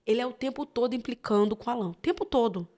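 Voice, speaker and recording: Brazilian-accented woman, podcast guest, expressive storyteller with a voice pitched a bit high. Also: fast talker. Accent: Brazilian Portuguese. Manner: lively, expressive anecdote-telling. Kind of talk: casual storytelling chat.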